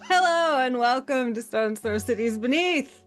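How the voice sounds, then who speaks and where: Woman, fairly high voice, upbeat chatty host welcoming viewers, faint music. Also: animated, measured pace. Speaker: show host. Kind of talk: live-show welcome.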